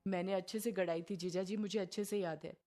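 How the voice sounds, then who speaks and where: A woman's voice: medium pitch, steady tone, quick pace, mellow, natural voice. A woman voicing a frightened young village man who stammers as he answers. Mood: scared. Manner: stammering, fearful.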